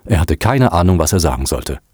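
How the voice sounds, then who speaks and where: Low-voiced, animated male storybook narrator. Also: fairly quick, breathy edge, no echo, studio quality. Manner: expressive, animated reading. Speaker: audiobook narrator.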